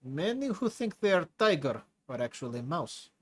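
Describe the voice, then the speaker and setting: The voice is a boastful audiobook character, a clawed, hulking, arrogant prisoner played by a male narrator, growling broken English through a thick accent. At a moderate pace with big pitch swings, this storybook creature savors each brag, swinging higher and lower when worked up.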